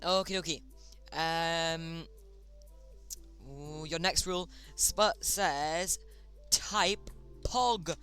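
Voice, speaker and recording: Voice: medium pitch, extremely slow, pushed and bright, smooth, soft background music. A streamer casually hosting a chat game live, chatty and often tripping over words.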